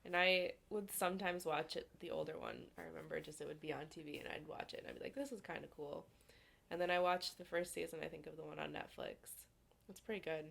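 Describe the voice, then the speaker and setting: A young woman with a Minnesotan accent co-hosting a podcast, chatty and quick to giggle. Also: low voice, little pitch movement, vocal fry, a bit bright. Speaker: podcast co-host. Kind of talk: casual chat.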